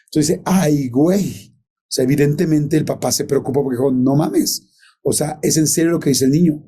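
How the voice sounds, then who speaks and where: A man's voice: on the high side, fairly even intonation, fairly quick, mellow, slightly rough. A man telling a ghost story in casual chat, rambling with many fillers and self-corrections.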